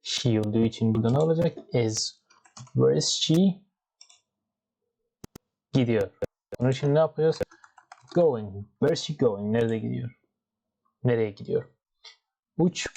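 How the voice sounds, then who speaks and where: A man's voice: medium pitch, unhurried, gravelly, pauses often, a little mellow, poor audio. A man teaching English grammar, explaining each exercise step by step. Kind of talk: bilingual grammar lesson.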